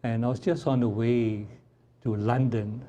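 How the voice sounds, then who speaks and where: A man's voice: mid-range voice, steady tone, measured pace, mellow, a little hiss or hum. A man in his sixties from Malaysia who grew up in Singapore, chatting cheerfully as a guest doctor on a talk show. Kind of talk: casual interview chat.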